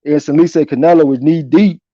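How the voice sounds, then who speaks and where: A man with a slightly high, mellow voice hosts a live boxing chat. He talks casually, with slang and swearing, reading out comments and reacting. The audio is dry and somewhat dull and lo-fi. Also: steady tone, brisk, no room sound. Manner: slangy, profane, conversational.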